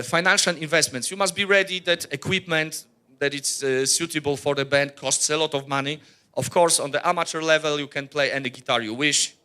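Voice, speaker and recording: A Polish man and rock musician presents a workshop in a bright, slightly high, clean voice. He's earnest and blunt, scattering many "uh" fillers and restarts through his talk.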